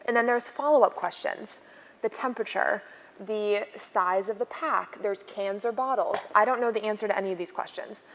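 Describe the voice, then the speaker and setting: A woman's voice: mid-range voice, moderate pace, a bit bright. A woman in her twenties telling a story on a conference stage in a chatty, playful way. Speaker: keynote co-speaker. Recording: long reverb from the hall.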